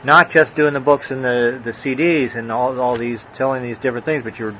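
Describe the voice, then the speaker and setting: A man's voice: mid-range voice, steady tone, a little fast, fairly bright tone, a little hiss or hum. A man hosting a podcast who chats with a guest in an easygoing way and laughs often. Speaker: podcast host. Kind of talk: casual interview.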